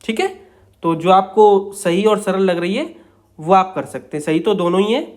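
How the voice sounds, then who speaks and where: A man's voice: sits high, normal speed. A young man teaching shorthand, explaining each outline step by step in a patient, repetitive way. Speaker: stenography teacher.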